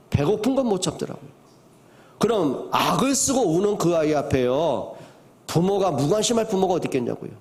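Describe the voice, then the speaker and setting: An older man delivers a sermon as pastor. His voice sits high and leaps up and down, dropping soft, then rising to loud calls as he asks the congregation questions.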